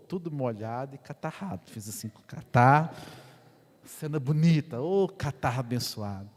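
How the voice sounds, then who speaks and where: Priest preaching, mid-pitched man, tells it like a story, goes soft then loud, long church echo. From Brazil. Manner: animated storyteller, swings from hushed to loud. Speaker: parish priest. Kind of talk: sermon storytelling. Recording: echoey church with long reverb.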